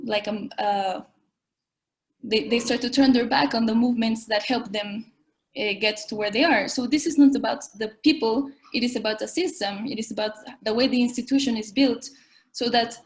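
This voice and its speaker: A woman's voice: on the high side, normal speed. A woman, explaining her views as an activist guest in a panel discussion.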